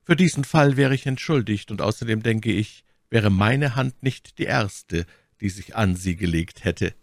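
A man's voice: lowish voice, creaky, no echo, studio quality. A man doing a cold, mocking lord. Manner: coolly sarcastic, measured threats. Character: cold, mocking English lord, calm and menacing. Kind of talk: audiobook character reading.

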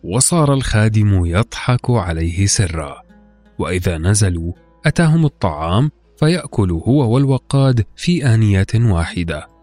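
A man's voice: lowish voice, a little mellow. A man reading a scripted classical folktale as a formal, literary storyteller. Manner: formal literary storytelling, acting out quoted dialogue. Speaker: storytelling podcast narrator. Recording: dry recording with music underneath. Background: music.

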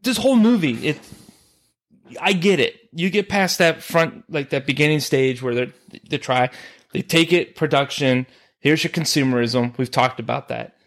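A man co-hosts a movie podcast and vents bluntly, swearing as he goes. His voice sits a little higher than usual for a man. He talks in an easy, casual way. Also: moderate pace. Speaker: podcast co-host. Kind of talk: casual movie review chat.

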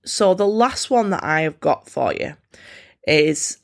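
A woman hosting a solo self-help podcast, talking candidly and encouragingly in a croaky, froggy voice with a congested nose. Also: sits low, sing-song, takes it slowly. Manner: candid, informal, encouraging, swears freely. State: congested, snotty nose from a cold. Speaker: podcast host.

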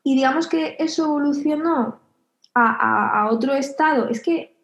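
Young woman sharing her story, pauses a lot, kinda high voice, muffled lo-fi audio. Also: gravelly. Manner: hesitant, reflective, with many pauses and fillers. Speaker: interviewee. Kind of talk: personal testimony. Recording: echoey room, dull lo-fi sound.

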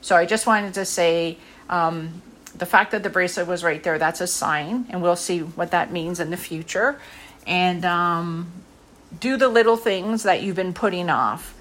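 Middle-aged woman podcast host, low-set voice, sincere and meandering, heavy on "um"s. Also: measured pace, a bit bright, slight background noise. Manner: earnest, rambling, with many fillers. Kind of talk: casual heartfelt monologue.

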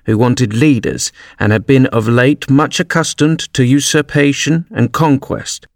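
A man's voice: mid-range voice, dry recording, clean studio sound, pitched above the performer's own voice. A man voicing a self-important male mouse who lectures primly and crossly.

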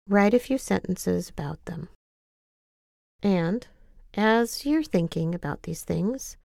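Gentle, compassionate woman, mellow and creaky. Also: mid-range voice, dry recording, clean studio sound. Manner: gentle, compassionate, unhurried coaching. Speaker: writing exercise guide. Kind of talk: scripted guided self-care exercise narration.

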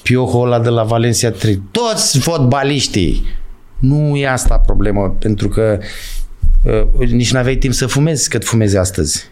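Man, middle-aged, former footballer, casual storytelling, emphatic, animated. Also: medium pitch. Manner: animated, emphatic, calls the listener "bă" and "frate".

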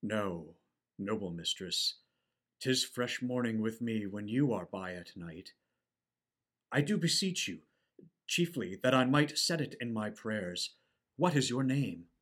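A man's voice: lowish voice, expressive, slow, fairly bright tone, heavily acted. Man as Ferdinand, ardent young Shakespearean prince. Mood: gallant, devoted. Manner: courtly, ornate, earnest delivery. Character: gallant, ardent young shipwrecked prince in love. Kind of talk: theatrical Shakespearean stage acting.

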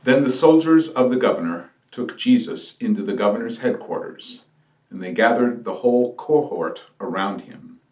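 A man reading a Good Friday scripture passage and leading prayers in a slow, deliberate, solemn way. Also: mid-range voice, animated. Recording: echoey room, voice from a distance, soft music behind.

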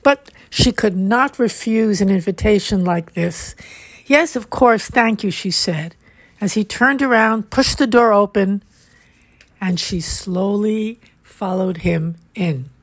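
A woman's voice: medium pitch, takes it slowly, dry recording. Woman reading a mystery story aloud. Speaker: audiobook narrator. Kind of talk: scripted narration.

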